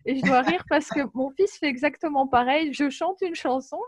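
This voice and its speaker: Host, woman, chatty and bright-voiced, dry close mic. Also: high voice, moderate pace, no room sound. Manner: chatty, reads out viewer comments. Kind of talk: casual live video chat.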